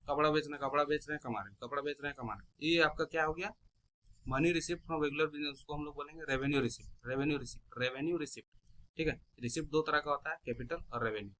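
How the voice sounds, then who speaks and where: Teaching accounting to a classroom, a man from India asks his students questions, supplies the answers himself, and keeps repeating the key terms. He talks quickly in a slightly bright voice on the high side, captured in poor audio.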